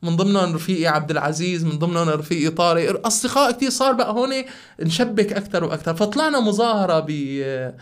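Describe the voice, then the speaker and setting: A man with a Syrian Arabic accent telling a personal story in conversation, halting and repeating the starts of his words. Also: high-pitched, expressive. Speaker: podcast guest.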